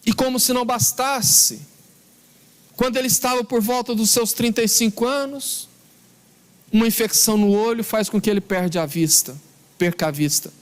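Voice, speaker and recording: With a very high voice and steady tone, a Brazilian Portuguese-accented man gives a spiritist lecture. He tells his story with earnest emphasis and slows on the crucial words.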